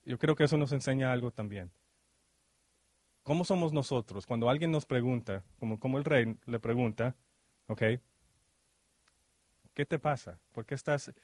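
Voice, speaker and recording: A man's voice: medium pitch, dry recording, studio quality. Man preaching, constantly asking "ok?". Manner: peppers speech with quick "ok?" checks and questions to the congregation; mixes English fillers into Spanish. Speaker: minister. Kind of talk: sermon. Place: church service.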